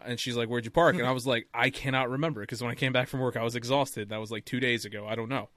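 A man's voice: mid-range voice, racing, dry recording. Man telling a rambling story, dry sound. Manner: animated storyteller, laughs while talking. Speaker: podcast co-host. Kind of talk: casual chat.

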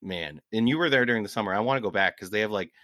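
A man's voice: fairly low pitch, expressive, rapid-fire, fairly bright tone, no echo, clean studio sound. A man co-hosting a podcast, telling rambling travel stories in casual chat and laughing at his own anecdotes. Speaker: podcast co-host.

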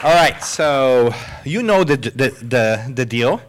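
A man hosts a live panel in front of an audience, trading light jokes and poking fun at himself. His voice has a slight hoarseness, and he talks in a chatty, upbeat way. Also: mid-range voice, slow pace, crowd noise, noisy background. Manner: jokey, lively, self-deprecating. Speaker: host. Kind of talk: live panel show hosting. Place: symposium hall with audience.

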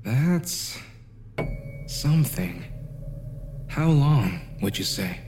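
A woman acting a steady, urging companion to the wounded in an audio drama. The voice is extremely low and unhurried, with clear ambient noise behind it. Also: full character voice. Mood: low, probing. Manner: urging, reassuring. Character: steady, urgent companion helping a wounded friend.

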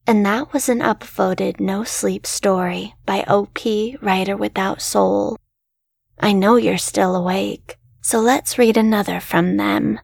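A woman narrating horror stories in a measured, scripted storytelling delivery. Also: medium pitch, creaky, a little mellow, breathy edge, dry recording, clean studio sound.

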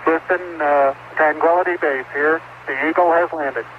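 A man's voice: on the high side, fairly even intonation, moderate pace, narrow, tinny audio, background noise. A man speaking as an astronaut over a distant space radio transmission with beeps, in terse, clipped callouts.

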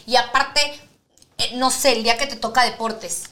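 A woman's voice: on the high side, fairly even intonation, normal speed, bright, forceful tone. A young Mexican woman co-hosting a casual podcast chat, candid and chatty, laughing often. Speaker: podcast co-host.

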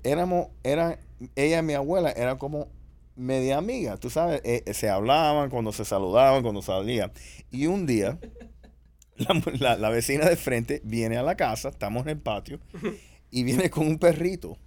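A man, telling family stories in a casual chat and jumping into high voices to act out the people in them. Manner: animated, acts out voices with sudden high pitch.

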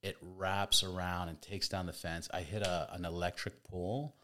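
A man hosting a podcast, telling long rambling anecdotes in a casual, animated and profane way. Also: sits low, moderate pace, a little hiss or hum. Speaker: podcast host. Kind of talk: casual storytelling chat.

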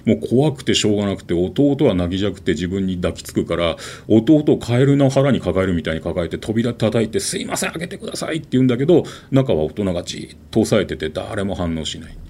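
A man telling a ghost story in an animated, dramatic way, with vivid sound words. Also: sits low, fairly quick, few pauses.

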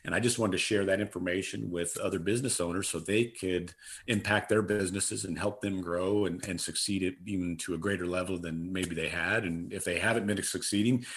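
Earnest lower-voiced middle-aged man. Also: a bit bright. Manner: earnest, emphatic, repeats key phrases. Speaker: interview guest, customer service consultant. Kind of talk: conversational interview answers.

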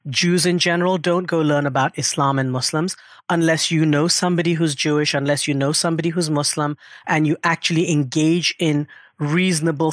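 A woman's voice: low-pitched, dry recording, clean studio sound. A middle-aged woman in earnest, reflective conversation, with frequent asides. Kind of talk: conversational interview.

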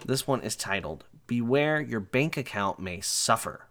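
A man's voice: medium pitch, big pitch swings, a little slow, fairly bright tone. A man hosting a podcast, chatting casually and teasing his co-host. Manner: teasing, joking. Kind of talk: casual chat.

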